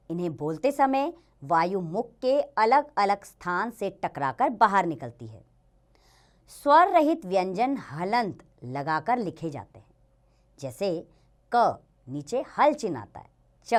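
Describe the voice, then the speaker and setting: Lady teacher sounding out hindi letters for kids, real slow, voice goes up and down a lot. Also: mid-range voice. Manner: addresses children directly. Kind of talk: children's Hindi grammar lesson.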